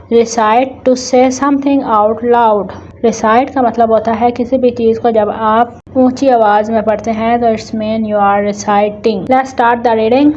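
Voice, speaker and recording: A woman teaching a textbook lesson, reading slowly and explaining quickly in Hindi. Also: on the high side, dark tone, muffled recording. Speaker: English tutor.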